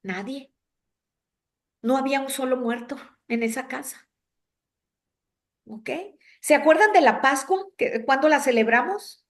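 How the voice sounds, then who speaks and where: A woman's voice: sits high, measured pace, long pauses. A middle-aged woman giving a women's devotional talk, speaking conversationally and asking her listeners questions. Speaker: devotional teacher for a women's group.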